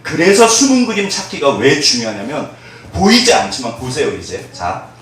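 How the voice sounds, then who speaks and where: Animated pastor in an echoey sanctuary. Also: male voice, fairly high pitch. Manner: animated storytelling, swinging between loud and hushed. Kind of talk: sermon. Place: church sanctuary. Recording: very echoey hall, voice from far off.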